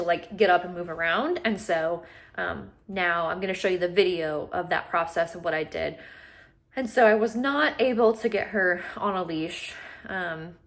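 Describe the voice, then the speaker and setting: Lowish-voiced woman telling a rescue story casually. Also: fairly bright tone. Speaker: dog rescuer narrating her own rescue.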